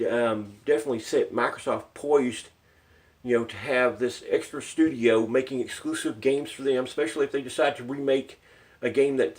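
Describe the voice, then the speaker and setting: A man giving unscripted, informal vlog commentary on video games, rambling and emphatic as he shares his opinions. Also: mid-range voice. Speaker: video game news commentator. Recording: distant microphone.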